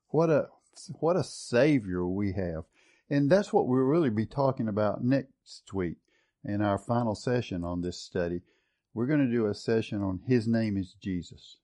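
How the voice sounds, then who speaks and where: Leading a Bible study session, this man speaks with a warm, mid-range voice. He is earnest and reflective as he reads scripture and compares translations, often repeating words while searching for the right phrase.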